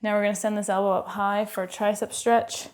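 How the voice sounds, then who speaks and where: A woman's voice: mid-range voice, fairly quick. Upbeat Canadian woman coaching a workout. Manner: encouraging, upbeat cues with soft calm stretching instructions. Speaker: fitness instructor. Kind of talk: guided home workout instruction.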